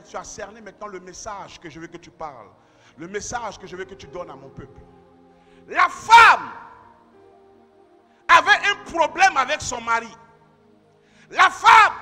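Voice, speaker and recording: A man preaching in a church hall, his voice very high and bright, cutting through. He swings between shouted emphasis and hushed asides, and the long reverb of the hall trails every line over a faint bed of music. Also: lively intonation, a little fast. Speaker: pastor. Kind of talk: sermon.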